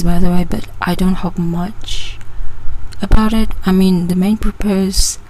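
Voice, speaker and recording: Slow, soft-toned young woman. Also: lowish voice, rough recording. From Malaysia. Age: 20s. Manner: hesitant, repeats and restarts phrases. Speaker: podcast host. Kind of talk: casual personal podcast.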